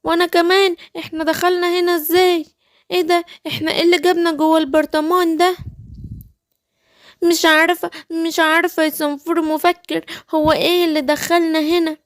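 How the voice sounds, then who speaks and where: A woman's voice: very high voice, little pitch movement, quick pace, no echo, studio quality, pitched above the performer's own voice. A woman with an Egyptian accent voicing a small, frightened female blue creature. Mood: alarmed. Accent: Egyptian Arabic.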